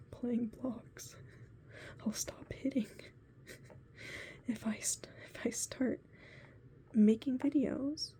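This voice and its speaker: Woman vlogger, whispered personal diary, slightly high, dark, gravelly edge, self-reflective ramble. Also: slight background noise. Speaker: video diarist. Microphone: phone camera.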